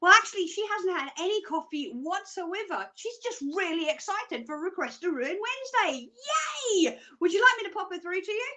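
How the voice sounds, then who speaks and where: A woman voicing a cheerful, chirpy female phone receptionist in a bright, raised voice. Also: extremely high pitch, sing-song, moderate pace, hardly any pauses, voice pushed up, heavily acted.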